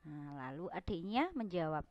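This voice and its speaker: A woman's voice: low voice, expressive, normal speed, a little mellow, no room sound, highs cut off. A young woman, a primary school teacher, patiently explaining a lesson to children in an online class.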